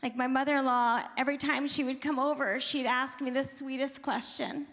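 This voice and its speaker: A woman's voice: high voice, steady tone, moderate pace, a bit bright. A woman in her forties doing a chatty, self-deprecating stand-up comedy set at a conference on a handheld microphone. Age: 40s. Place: women's conference hall. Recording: reverberant hall sound.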